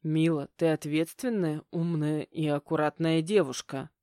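A man's voice: a little high, fairly even intonation, a little slow, warm tone, clear, resonant tone, no room sound, studio quality, close to an everyday voice. A woman voicing a stern middle-aged stepfather who lectures curtly. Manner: curt, lecturing.

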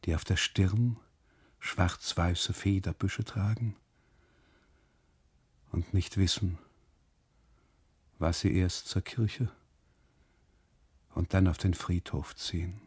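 An actor playing a brooding, ironic German husband who narrates a radio drama monologue in long ornate sentences. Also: male voice, deep voice, steady tone, takes it slowly, long pauses, a little mellow, husky, dry recording, heavily acted. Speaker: first-person narrator.

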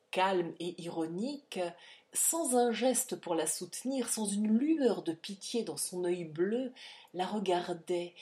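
A woman narrating a classic novel as an audiobook, in a measured, dramatic reading. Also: on the low side, darkish tone.

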